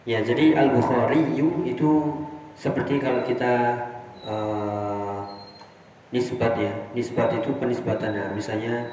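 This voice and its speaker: A man's voice: medium pitch, steady tone, unhurried, a little mellow, soft background music. A man teaching Arabic grammar from a classical text, putting questions to his students and answering them himself. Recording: echoey hall from far off.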